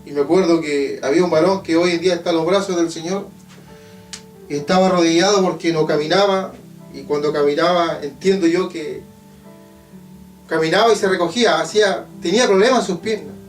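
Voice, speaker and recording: A man from Chile with a Chilean Spanish accent, preaching an evangelical sermon and telling a testimony with emphatic, drawn-out phrases and repeated refrains. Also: a little high. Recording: echoey church hall from a distance with faint guitar. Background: faint guitar playing.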